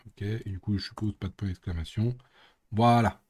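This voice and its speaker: A man's voice: on the low side, steady tone, normal speed, a little mellow, husky. A man streaming live coding, thinking aloud and muttering with playful sound effects. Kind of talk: casual live coding commentary.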